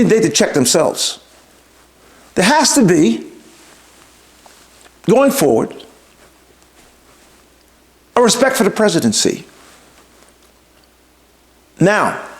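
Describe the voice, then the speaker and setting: Guy ranting on his show, high voice swinging all over, keeps repeating himself. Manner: emphatic, repeats himself for stress; talks straight to the audience with rhetorical questions. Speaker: podcast host. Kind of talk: opinion monologue.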